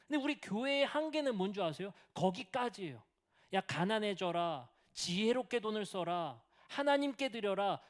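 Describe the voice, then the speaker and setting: Animated, high-voiced male pastor preaching. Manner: animated preaching with rhetorical questions; drops to a whisper for emphasis. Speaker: senior pastor. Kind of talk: sermon.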